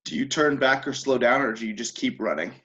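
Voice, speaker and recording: A man's voice: medium pitch, fairly quick, fairly bright tone, muffled recording. A man running a tabletop game as game master, narrating loosely with many fillers and restarts.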